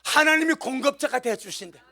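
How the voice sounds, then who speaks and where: Male pastor preaching in church, emphatic and exclaimy, very high gravelly voice. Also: animated, quick pace, bright, forceful tone. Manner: emphatic, exclaiming, pleading with God. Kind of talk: sermon.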